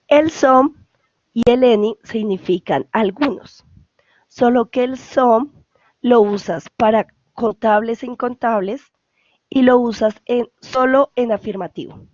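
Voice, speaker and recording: A woman's voice: medium pitch, dark tone, no room sound, lo-fi sound. A woman with a Colombian Spanish accent, an English tutor patiently explaining grammar over a video call and often checking for questions. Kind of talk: online class explanation.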